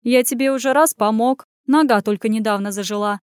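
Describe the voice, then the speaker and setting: A woman's voice: a little high, fairly quick, clean tone, no echo, studio quality, natural voice. Woman playing a whiny young tavern server. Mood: aggrieved. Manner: yelling, aggrieved complaints.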